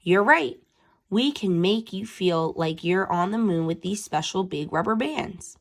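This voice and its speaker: A woman's voice: lowish voice, lively intonation, a little slow. A woman voicing a helpful male rabbit tour guide in a storybook, quizzing his group. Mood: guiding.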